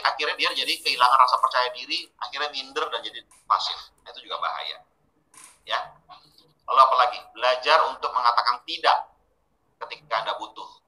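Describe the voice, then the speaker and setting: Giving a training webinar, a man keeps things lively and casual, questioning his audience directly. His voice is mid-range, captured in poor audio with an echoey room sound.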